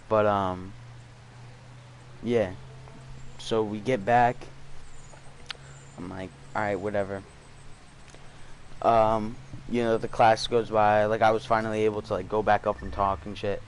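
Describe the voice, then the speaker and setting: A man's voice: lowish voice, slight background noise. A young man telling a rambling, profane story about his school day in a casual storytime vlog, full of slang and fillers. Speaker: student storyteller.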